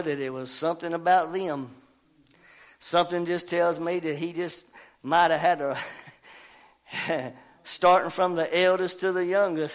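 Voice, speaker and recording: An older man preaching a sermon in a folksy, animated way, dropping low and quiet, then rising to loud calls.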